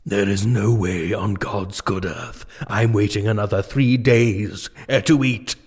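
A man's voice: fairly low pitch, fairly even intonation, measured pace, darkish tone, breathy edge. An actor playing a pompous, bumbling, gluttonous medieval king in a comic drama, wordy and dithering. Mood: indignant, demanding. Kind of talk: comic audio drama acting.

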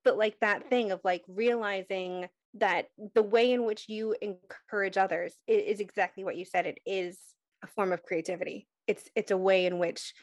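Woman, mid-pitched voice, dry sound. Casual, encouraging conversation partner. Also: fairly even intonation, normal speed, few pauses, no echo.

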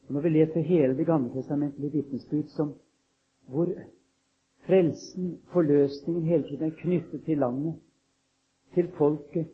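A man's voice: a little high, a little hiss or hum. A man preaching a sermon, reading scripture solemnly and building to emphatic, raised declarations. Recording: tinny lo-fi phone-like recording.

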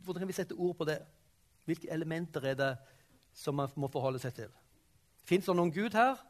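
A man's voice: fairly high pitch, expressive. A man leading a classroom discussion, asking the students questions and checking in with them often. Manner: questioning, prompting the class with frequent "sant?" and "ok?". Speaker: teacher.

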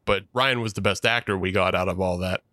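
This Pennsylvania man co-hosts a podcast and speaks in a low voice, fairly quickly, on a dry, studio-quality recording. Relaxed and rambling, he talks casually about his old student film with frequent fillers and laughs.

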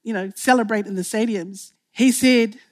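A woman's voice: mid-range voice, normal speed, darkish tone. A woman from Tonga, a filmmaker giving an impassioned public speech. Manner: impassioned, rising to emphatic outbursts. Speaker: filmmaker speaking on a panel.

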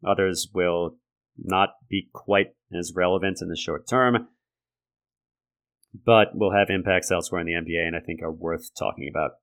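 Deep voiced guy doing a solo sports podcast, gravelly and raspy like he's getting over being sick, analytical but conversational. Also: fairly even intonation, normal speed, fairly bright tone. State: raspy from a lingering respiratory infection. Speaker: podcast host. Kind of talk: sports commentary monologue.

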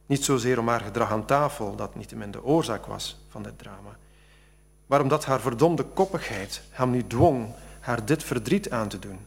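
A man, an author, reading a passage from his novel aloud after explaining it with halting speech. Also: mid-range voice, vocal fry. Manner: halting, with many fillers when talking freely.

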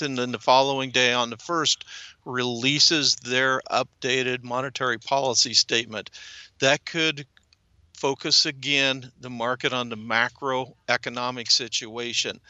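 A man working as a commodities economist, giving a measured market analysis in an interview with occasional fillers. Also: mid-range voice, sharp tone, no room sound.

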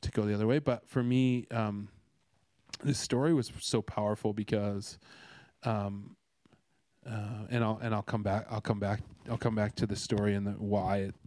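A man's voice: fairly low pitch, fairly even intonation, moderate pace, a little mellow, no room sound. A man from Canada giving a casual devotional talk, earnest and rambling, with many restarts and fillers. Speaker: speaker sharing a devotional.

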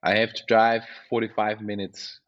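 An Austrian man, native in German, talks casually in a low voice with very little melody. He is hesitant and often searches for words. The recording is a little dull. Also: flat delivery, normal speed, a bit bright. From Austria, small village. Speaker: interview guest, mountain bike rider. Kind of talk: casual chat.

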